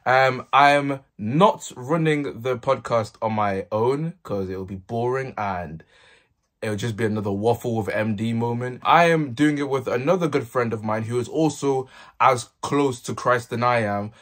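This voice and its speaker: A young man speaks at a medium pitch. He chats casually to camera in urban roadman slang, talking into a handheld earphone mic in a small bedroom. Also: unhurried, a bit bright. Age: young adult. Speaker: vlogger. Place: small plain bedroom, indoors. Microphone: handheld earphone-wire mic.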